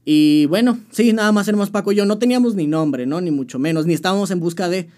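Quick and a little mellow, the high voice belongs to a young musician with a Mexican Spanish accent. In a casual interview he recounts his story with slang and many restarts.

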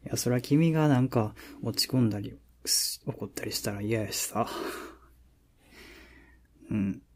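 A man playing a teasing, affectionate young boyfriend murmuring intimate pillow talk in a soft, breathy voice with a Kansai accent. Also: mid-range voice, normal speed, lightly acted. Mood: coaxing, tender.

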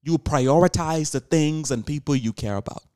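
This solo podcast comes from a seventeen-year-old man whose fairly high, smooth, darkish voice moves at a moderate pace over clean, echo-free studio sound. He lectures his listeners earnestly with rhetorical questions, often backing up to restart and repeating words.

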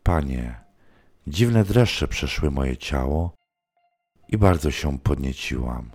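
A man voicing a frightened middle-aged woman teacher who answers in quiet, trembling, halting replies. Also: rumbling low, animated, soft background music, heavily acted. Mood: hushed submissive. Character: woman teacher around fifty, frightened then submissive.

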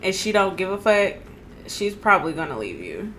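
A woman's voice: mid-range voice, sing-song, normal speed, a bit bright, a little hiss or hum. A woman co-hosting a casual podcast chat, talking bluntly and ranting with laughter. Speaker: podcast co-host.

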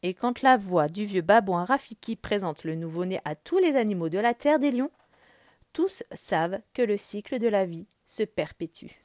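Lady reading a kids' story out loud, lively, dry no-echo audio. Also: mid-range voice, normal speed. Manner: expressive, animated read-aloud. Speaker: narrator.

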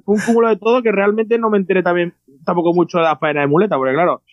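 A man's voice: sits high, very fast, no echo. Rambling man. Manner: excited, rambling with many restarts. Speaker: podcast co-host. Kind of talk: casual chat. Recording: dull lo-fi dry sound.

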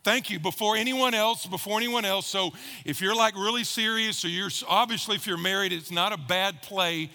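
A middle-aged man delivers a sermon as pastor, joking easily with his congregation. His voice sits high and bright with a gravelly edge. It rings out with the long reverb of a church sanctuary. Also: fairly quick.

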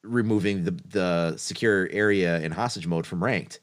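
Guy with a really low voice musing about game changes, laughs a lot, hedges everything. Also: normal speed. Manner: thoughtful, hedging, laughs often. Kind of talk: casual gaming discussion.

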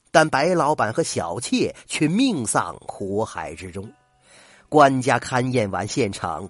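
An older man telling a folk tale with animated, dramatic narration. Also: mid-range voice, husky, no room sound. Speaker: storyteller.

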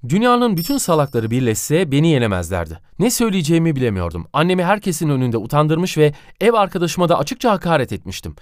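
A man narrating a scripted animated story in an expressive, dramatic manner. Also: on the high side, fast, few pauses, no room sound, studio quality.

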